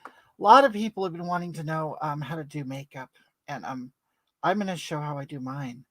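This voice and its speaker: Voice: mid-range voice, a little fast, bright, forceful tone, no room sound. A performer playing a brash older woman who chats through a makeup livestream and greets viewers by name. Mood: chatty. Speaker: livestream host. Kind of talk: comedic livestream character.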